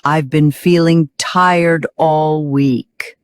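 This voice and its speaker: Very slow woman reading example sentences. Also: sits low, fairly even intonation, dry recording, studio quality.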